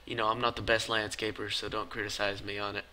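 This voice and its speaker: A tired man keeps his voice hushed and easygoing, narrating his game build late at night. His voice sits fairly low but comes across very bright and sharp-edged. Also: flat delivery, quick pace, slight background noise, poor audio. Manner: talks quietly and low-key because it is late. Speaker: gaming video creator. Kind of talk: casual gameplay voice-over.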